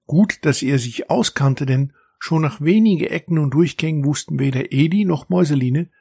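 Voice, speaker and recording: A man narrating a children's story in a gentle, even storytelling manner. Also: on the high side, moderate pace, vocal fry, breathy edge, dry recording, studio quality.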